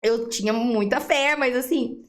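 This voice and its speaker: A woman with a Brazilian Portuguese accent, appearing as an interview guest, shares her personal faith testimony with lively energy and acts out the dialogue she quotes. Her voice sits a little high, and she keeps a measured pace.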